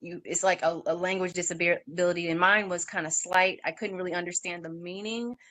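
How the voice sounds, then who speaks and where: A young woman in her twenties telling her story in an interview, halting, with fillers and restarts, and acting out what others said in a raised voice. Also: lowish voice, steady tone, fairly bright tone. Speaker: guest sharing her story.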